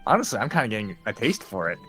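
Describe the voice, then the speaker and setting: Man, swooping animated pitch, casual roleplay, game player, quiet music in background. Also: rapid-fire. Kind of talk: casual in-character roleplay chat.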